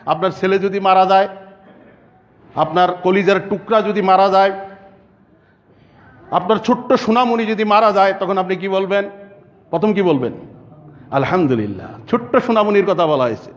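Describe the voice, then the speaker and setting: A man's voice: high-pitched, fairly bright tone. A man preaching a sermon to a congregation, asking the audience rhetorical questions and building up emphatic lists. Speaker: Islamic preacher. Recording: lo-fi with long hall reverb.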